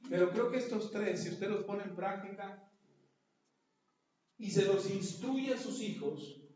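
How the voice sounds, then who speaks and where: A man with a high voice preaches a sermon, turning to the congregation with questions and putting on the voices of the people he quotes. He sounds distant from the mic, and the church hall around him rings with heavy echo. The recording is dull and a little noisy. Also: a little slow, a little mellow. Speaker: pastor.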